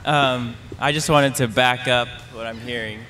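A man's voice: mid-range voice, fairly even intonation, a little slow, a crowd in the background. A man from the audience at a public panel discussion, speaking casually and hesitantly, with frequent fillers.

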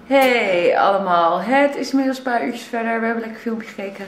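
A young adult woman with a Netherlands Dutch accent vlogs casually into a handheld camera held at arm's length. Her voice is fairly high and fairly quick, with soft background music and clear background noise in the recording.

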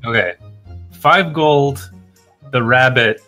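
A male tabletop player with a forceful, bright voice at a middle pitch. He banters bluntly and swears, over faint music. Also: slow pace. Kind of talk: casual in-game banter.

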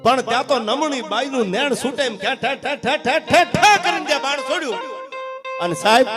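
A male Gujarati storyteller performs heroic praise poetry in a strikingly high voice. He is rousing and theatrical, hammering repeated words and couplets for emphasis. Plucked string music plays prominently behind him. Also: expressive, fairly quick. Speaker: folk storyteller and singer performing live.

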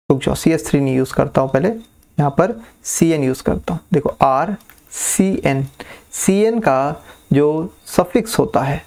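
A man teaching chemistry in a casual classroom style, repeating key terms slowly and often checking that students follow. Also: medium pitch, vocal fry, a little mellow. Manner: coaxing, checks understanding often.

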